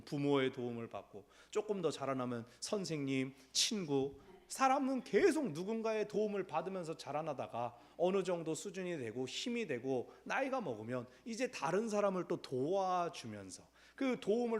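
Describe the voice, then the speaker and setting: A man preaching a sermon as pastor in a church, acting out little quoted voices as he goes. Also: on the high side. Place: church sanctuary.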